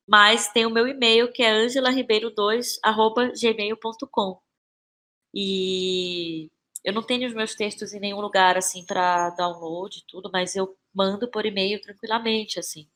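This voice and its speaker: At a moderate pace, a Brazilian playwright and actress speaks as a podcast interview guest in a fairly bright mid-range voice with a steady tone. Her accent is Brazilian Portuguese, and she talks casually and thoughtfully, frequently repeating phrases as she searches for words.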